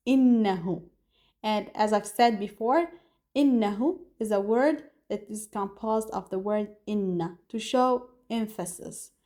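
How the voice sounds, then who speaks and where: A woman's voice: fairly high pitch, darkish tone. A woman from Lebanon with a Lebanese accent, teaching a beginner language lesson, patiently explaining and repeating words for learners to copy. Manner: addresses viewers as "guys". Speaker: Arabic teacher.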